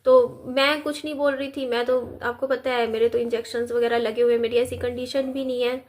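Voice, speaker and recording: A woman in her thirties, feeling unwell, talking slowly and quietly to her viewers in a personal vlog, recorded on a phone. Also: on the high side, flat delivery. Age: 30s. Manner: slow, subdued, tired delivery. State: unwell and weak. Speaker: vlogger. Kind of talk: personal talk to camera.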